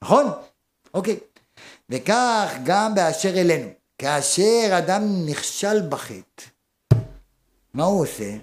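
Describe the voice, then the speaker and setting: A rabbi giving a Torah lesson in a fairly high voice. He piles up rhetorical questions, rising to urgent emphasis and then dropping to a low, quiet delivery. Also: big pitch swings, pauses often, soft background music. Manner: rhetorical questions, swings from loud to hushed.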